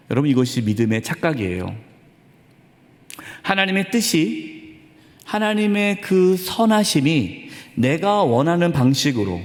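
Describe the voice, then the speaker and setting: A male pastor preaching a sermon in an earnest, conversational way, acting out short asides. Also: sits high. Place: church sanctuary. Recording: long reverb of a church hall.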